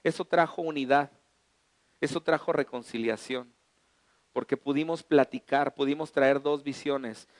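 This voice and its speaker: A middle-aged Mexican man, a pastor, telling a humorous personal story in a colloquial, animated sermon. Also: medium pitch, unhurried, dry recording.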